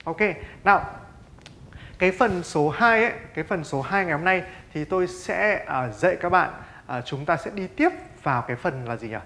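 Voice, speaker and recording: A man's voice: a little high, expressive, moderate pace, bright, forceful tone. A Vietnamese-speaking man teaching an English lesson. He keeps asking rhetorical questions, answers them himself and drills pronunciation by repeating words. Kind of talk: classroom-style English lesson.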